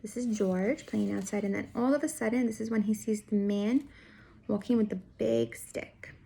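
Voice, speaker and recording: Medium in pitch and fairly even in intonation, this woman's voice is gravelly, dark and slightly rough, and she speaks at normal speed. She gives a children's read-aloud of a picture book like a teacher, expressive and addressing her young listeners directly with guiding questions.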